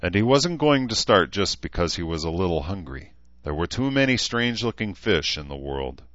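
A man narrating an audiobook in steady, even storytelling, in a slightly muffled recording. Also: low voice, normal speed, no room sound. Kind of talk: scripted narration.

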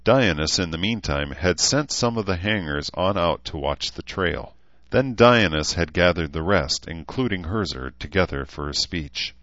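A man narrating an audiobook in steady, even storytelling, in a slightly muffled recording. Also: deep voice, normal speed, no echo. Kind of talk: scripted narration.

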